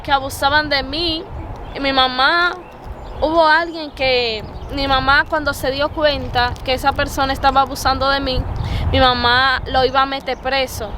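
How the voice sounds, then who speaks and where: A young woman of twenty with a Dominican accent and a high, light voice tells her story. She talks earnestly and haltingly and often repeats herself. The recording is noisy, made outdoors with urban traffic behind her. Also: flat delivery, bright, forceful tone. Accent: Dominican Spanish. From Dominican Republic. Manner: earnest, hesitant, with many fillers and repeated words. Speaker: interview guest, preacher. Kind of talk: personal testimony interview.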